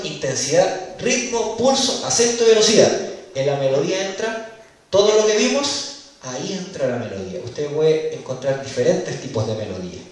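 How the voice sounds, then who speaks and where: A man preaching in a church, explaining rhythm and harmony step by step and counting beats aloud. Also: fairly high pitch. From Chile. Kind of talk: sermon teaching on music theory. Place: church hall. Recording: very echoey church hall, mic far off.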